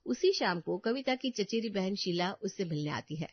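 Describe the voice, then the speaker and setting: A woman's voice: medium pitch, moderate pace, no room sound. Woman narrating a cartoon story. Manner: calm, storytelling. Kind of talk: scripted narration. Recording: dull dry voice-over with faint music.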